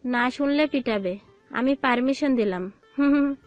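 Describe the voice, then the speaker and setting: A woman voicing a friendly, easygoing middle-aged mother who talks in a warm, welcoming way in an audio drama. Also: high voice, measured pace, muffled recording, faint music behind. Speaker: voice actor. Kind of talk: Bengali audio love-story drama.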